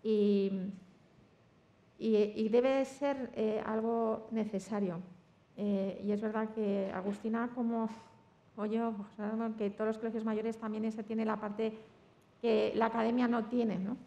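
A woman with a Spain Spanish accent. Her voice is mellow and warm, and her intonation stays fairly flat. She speaks thoughtfully and stumbles over repeated restarts. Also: on the high side, unhurried, dull audio. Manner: thoughtful, with many restarts and fillers. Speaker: seminar panelist. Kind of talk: discussion remarks.

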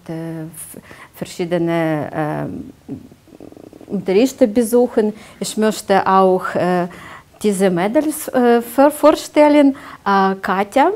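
A woman in her forties from Ukraine, a teacher, speaking German with a Ukrainian accent, halting and full of fillers, in a classroom on a lapel mic. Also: lowish voice, darkish tone. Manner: halting, many filler sounds.

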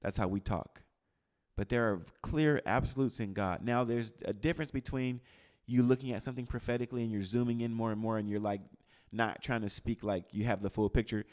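Male preacher, mid-range voice, teaching a live group; calls on listeners by name, goes from loud to hushed. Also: mid-range voice, brisk. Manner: quizzes the room, calls on people by name; animated, swings from loud to hushed. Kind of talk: interactive sermon. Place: church gathering with a live group.

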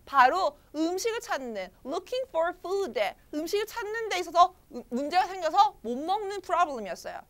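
High sing-song woman teaching kids. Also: big pitch swings, measured pace, hardly any pauses, a bit bright. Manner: sing-song, quizzing young listeners. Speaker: English storybook teacher. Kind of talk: children's storybook English lesson.

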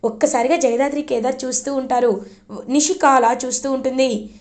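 A woman's voice: high-pitched, fairly even intonation, a little fast, darkish tone. A woman narrating a TV serial recap in a casual, rambling storytelling style full of repeated fillers.

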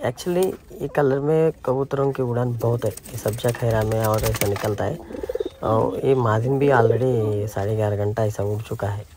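A man's voice: mid-range voice, fairly even intonation, moderate pace, crowd noise. A man casually walking visitors around his outdoor pigeon loft and explaining his birds. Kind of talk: casual vlog walkthrough. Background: pigeons cooing.

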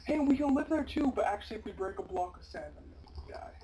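A woman giving casual, chatty gameplay commentary, breaking into sudden loud exclamations. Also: mid-range voice, expressive, fast, low-quality recording. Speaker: gameplay video maker. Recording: loud background noise.

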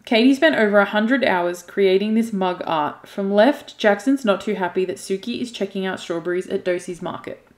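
A woman talks through an unboxing in a relaxed, chatty way. She gushes and gets emotional, laughing often. Her voice carries a roomy echo. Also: mid-range voice. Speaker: cross stitch vlogger. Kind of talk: casual unboxing chat.

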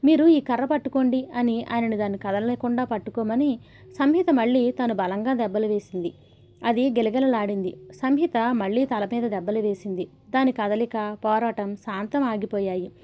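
A woman's voice: fairly high pitch, normal speed. Woman reading a novel aloud, lo-fi. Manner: steady, even storytelling. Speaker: narrator. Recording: dull lo-fi audio.

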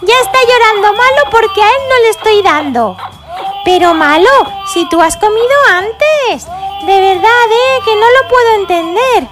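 A woman from voicing a cheerful little girl pig who fusses over her baby dolls in a sing-song, drawn-out way. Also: very high-pitched, expressive, over loud music. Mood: doting. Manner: sing-song, fussing and doting, drawn-out words.

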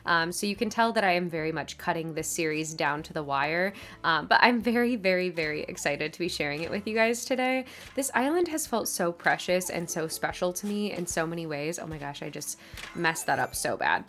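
Casting: young woman, bubbly and chatty game vlogger, sleepy morning voice, lower pitch, light music under her. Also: a bit bright. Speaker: gaming YouTuber. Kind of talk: casual gameplay commentary.

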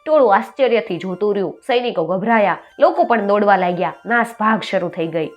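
Woman reading out a folk fairy tale, steady and expressive, average pitch. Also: brisk, lo-fi sound, faint music behind. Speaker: storyteller. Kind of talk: storybook narration.

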